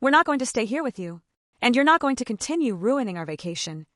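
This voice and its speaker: A woman's voice: fairly high pitch, big pitch swings, fast, fairly bright tone, no room sound, clean studio sound. A woman voicing a grown son who speaks to his mother in a firm, direct way. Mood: resolute.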